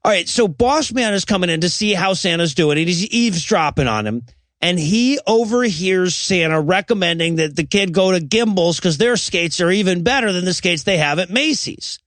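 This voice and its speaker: A man's voice: sits high, animated, moderate pace, fairly bright tone, no echo. A man co-hosting a podcast, giving a profane, wry scene-by-scene movie recap. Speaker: podcast co-host. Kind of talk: casual comedic movie recap.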